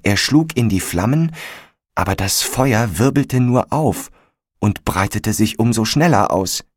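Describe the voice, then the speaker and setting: Slow, low-voiced male audiobook narrator. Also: animated, no echo, clean studio sound.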